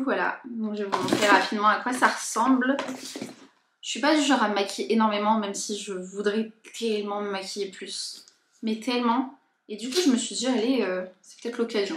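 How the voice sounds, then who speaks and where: A young woman with a medium-pitched, fairly bright voice chats casually in a haul and unboxing vlog, thinking aloud in an informal, hesitant way. She's a lifestyle and beauty vlogger, recorded in an echoey room with a little hiss or hum.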